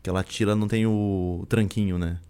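Fast-talking slangy Brazilian man. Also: on the low side, steady tone, dark tone, smooth. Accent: Brazilian Portuguese. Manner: slangy, informal. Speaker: host. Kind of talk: casual chat.

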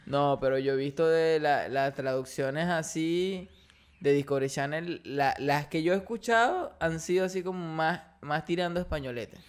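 A man's voice: a little high, moderate pace, clear, resonant tone. A man, co-hosting a podcast and telling stories in casual chat. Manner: storytelling, animated, uses "literal" and "o sea". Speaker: podcast co-host.

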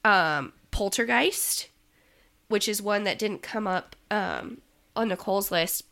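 A woman's voice: medium pitch, slow pace, gravelly, fairly bright tone. A woman co-hosting a podcast, chatting casually with plenty of ums and easy laughs. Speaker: podcast co-host. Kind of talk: casual chat.

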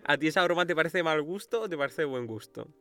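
A man's voice: on the high side, quick pace, clean tone, soft background music. A young man from Spain co-hosting a casual podcast chat, retelling stories and acting out quotes. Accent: Spain Spanish. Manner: animated storytelling, acting out quotes, frequent laughter. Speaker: podcast co-host.

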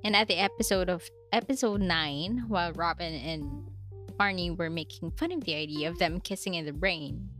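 A young woman reads her diary entries aloud in a relaxed vlog. She is chatty and giggly, and she mocks herself between entries. Her voice sits a little low, with faint music behind her. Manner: giggly, chatty, self-mocking asides. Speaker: vlogger reading her diary. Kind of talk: casual diary reading.

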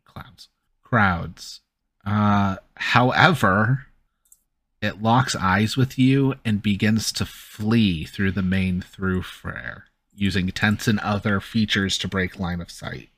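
Bright-voiced man running a tabletop game. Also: fairly low pitch, takes it slowly, no room sound. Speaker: game master. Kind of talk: narrating a tabletop game, casual.

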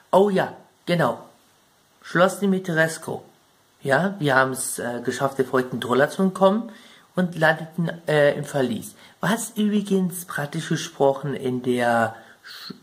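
A man's voice: on the high side, lively intonation, unhurried. A man with a German accent talking casually about video game plot points, chatty and rambling, often turning to address his viewers directly. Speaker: gaming video creator.

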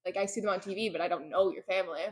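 A woman co-hosting a casual book podcast, retelling scenes with lots of "like" and quick quoted lines. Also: on the low side, fairly even intonation. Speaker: podcast co-host recapping a book. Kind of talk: casual chat.

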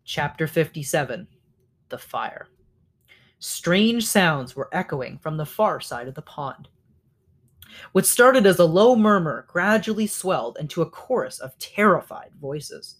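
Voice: medium pitch, expressive, a little slow. A reader reading a children's novel aloud, now and then stopping to correct slips.

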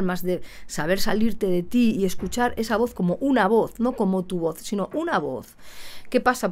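A chatty woman singing teacher talks straight to her viewers in an easy, lively way. She acts out her students' complaints and her own replies as she explains her point. Her voice sits at a middle pitch for a woman. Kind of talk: casual talk to camera.

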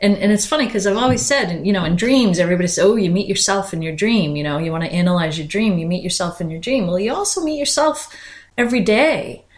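A woman's voice: medium pitch, expressive, fast. A woman co-hosting a podcast in casual chat, explaining ideas conversationally in long run-on sentences. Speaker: podcast co-host.

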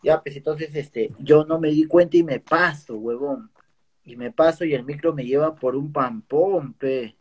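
Young Peruvian man, slangy and relaxed. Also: fairly high pitch, breathy edge. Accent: Peruvian Spanish, Lima slang. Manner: relaxed slangy chatter, quick agreeing replies. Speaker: friend in conversation. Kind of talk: casual chat.

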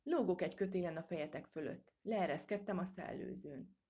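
A woman's voice: fairly low pitch, dark tone, close to an everyday voice. A woman voicing a loyal young male mouse friend who speaks earnestly and matter-of-factly.

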